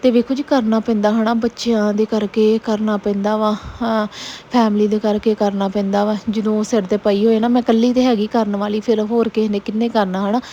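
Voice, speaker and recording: Woman vlogger, Punjabi accent, mellow flat delivery, casual rambling chat. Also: medium pitch, brisk, muffled recording, slight background noise. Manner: chatty, rambling, frequent tag questions. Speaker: family vlogger, mother.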